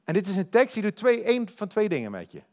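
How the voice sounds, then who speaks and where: A man preaching a sermon, telling the story in a lively way and speaking directly to his listeners. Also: high-pitched, fast.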